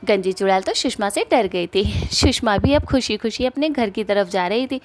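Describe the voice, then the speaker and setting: A woman's voice: mid-range voice, normal speed, no room sound. Woman narrating a cartoon story. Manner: plain, steady storytelling.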